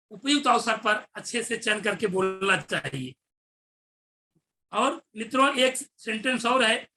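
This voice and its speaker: A man's voice: very high-pitched, bright, forceful tone, a little hiss or hum. A man who is a teacher gives a motivational business talk in an eastern Uttar Pradesh Hindi accent, explaining earnestly and repeating phrases for emphasis. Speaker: teacher and network marketer.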